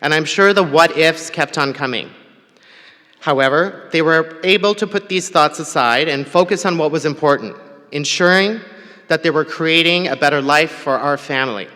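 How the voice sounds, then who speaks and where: Man from Tanzania, convocation speaker, candid and funny, slightly high, ringing hall. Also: moderate pace, pushed and bright. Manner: candid and personal, with light humor. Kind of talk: prepared ceremony speech. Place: large hall. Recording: long hall reverb.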